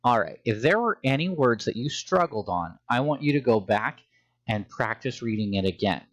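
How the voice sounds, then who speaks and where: A man's voice: mid-range voice, big pitch swings, normal speed, dry recording. A man teaching a phonics and reading lesson to young children, with patient, encouraging instructions.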